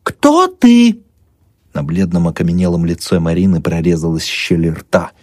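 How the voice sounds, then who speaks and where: A man narrating an audiobook in an expressive, dramatic manner. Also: low-pitched, fairly quick, no echo. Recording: close dry recording, soft music underneath.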